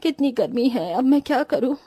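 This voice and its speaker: Woman doing a stingy cartoon mother-in-law, bossy and grumbling, fairly high pitch. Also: animated, brisk, warm tone, husky. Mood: weary. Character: stingy scheming middle-aged mother-in-law.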